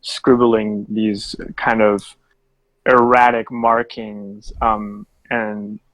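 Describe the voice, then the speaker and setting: A male tabletop player describes his character's actions in a casual way. His voice is fairly low, and the recording is dry with no room sound. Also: level tone, very slow, fairly bright tone, no room sound, poor audio.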